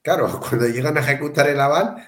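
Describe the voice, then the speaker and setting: A man co-hosting a casual interview, chatty and quick to laugh between his points. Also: on the high side. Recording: roomy echo.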